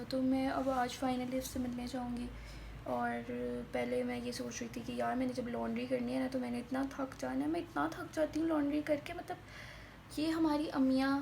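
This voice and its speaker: A young woman with a hoarse, sore throat, chatting self-mockingly into a phone held at arm's length at home. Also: high voice, a little mellow, slight background noise. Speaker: vlogger. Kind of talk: casual vlog chat. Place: home, partly on a rooftop.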